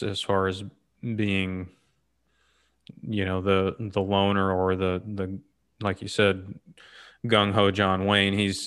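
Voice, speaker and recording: Male interview host with a lowish voice, a rambling, thoughtful questioner. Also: fairly bright tone, clear, resonant tone. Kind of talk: casual interview.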